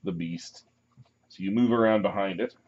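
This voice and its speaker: A man running a tabletop game as game master, calling turns and results in a relaxed way. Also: deep voice, very noisy. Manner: relaxed, brisk turn calling with laughs. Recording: muffled lo-fi table recording.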